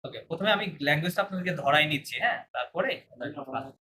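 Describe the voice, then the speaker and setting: A man's voice: on the high side, animated, racing, pushed and bright, slight background noise. A man teaching French in an online class over a laptop, patiently explaining in Bengali with English mixed in. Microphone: laptop on video call.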